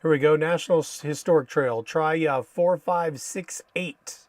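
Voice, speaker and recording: Male stream host, American, dry close sound, casual halting map commentary, Spanish words in an American accent. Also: fairly high pitch, dry recording. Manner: halting, thinking aloud. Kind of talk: casual live stream commentary while reading maps.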